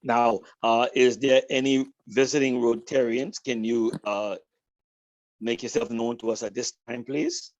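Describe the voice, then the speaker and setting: A man's voice: medium pitch, fairly even intonation, no echo. Man repeating his welcomes on a muffled call. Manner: repetitive, drawn-out phrases. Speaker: greeter at a club meeting. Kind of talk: warm welcome speech with a told joke. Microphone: video call. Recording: dull, muffled call audio.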